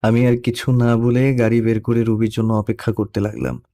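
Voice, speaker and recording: A young man narrating a first-person love story in a soft, melancholy storytelling manner. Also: mid-range voice, little pitch movement, normal speed, gravelly. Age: young adult.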